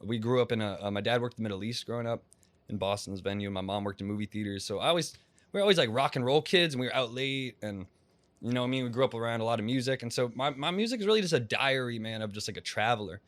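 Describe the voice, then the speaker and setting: A young man from Massachusetts talks at a quick clip, a rapper on a casual interview. His words tumble out with restarts, slang and cursing in a middle-pitched voice. The recording is dry and close, with almost no room sound. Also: fairly bright tone, no echo. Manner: fast, slangy, rambling with restarts and profanity.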